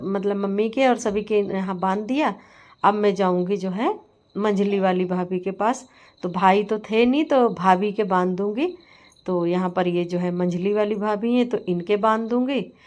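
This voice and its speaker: A middle-aged woman narrates her home vlog in a relaxed, chatty voice. She talks at an easy pace, laughing along as she tells the story. Her voice sits at a medium pitch. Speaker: vlogger. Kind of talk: casual vlog voice-over.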